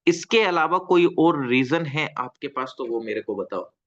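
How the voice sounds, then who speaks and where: A man's voice: a little high, expressive, unhurried, fairly bright tone. Male teacher lecturing a class. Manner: asks students questions, coaxing and repetitive. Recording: slightly dull lo-fi sound.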